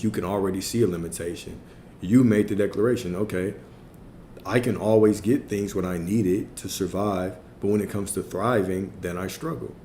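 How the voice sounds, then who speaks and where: On a livestream, a spiritual coach reflectively answers viewers' questions, leaning often on tag questions, his voice a little worn from a full day of talking. It's deep and dark in tone, heard in an echoey room with slight background noise.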